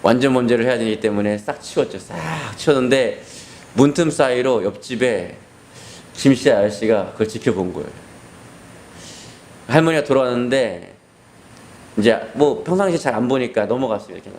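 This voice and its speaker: A man's voice: medium pitch, animated, moderate pace, long pauses, a little mellow, a little hiss or hum. A male pastor giving a sermon, telling a story in an earnest, conversational way. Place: hospital basement room.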